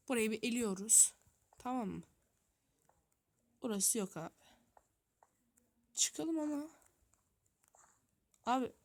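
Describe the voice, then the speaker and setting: A woman giving running gameplay commentary, thinking aloud, talking straight to her viewers and muttering to herself in a flustered way. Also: fairly high pitch. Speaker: gaming youtuber.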